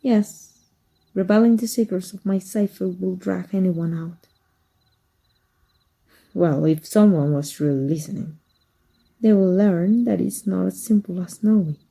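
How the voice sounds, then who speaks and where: In an ASMR roleplay, a woman voice actor from Mexico plays a secretive, cunning teacher of dark magic, speaking softly and deliberately and drifting into whispers. Her medium-pitched voice is dark and husky, with a gravelly fry closing her phrases. The audio quality is poor.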